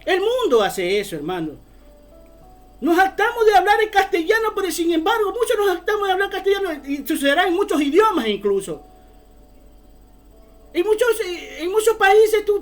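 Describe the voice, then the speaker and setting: A woman's voice: very high-pitched, big pitch swings, moderate pace, soft background music. A woman preaching a fervent sermon, often calling her listeners brother.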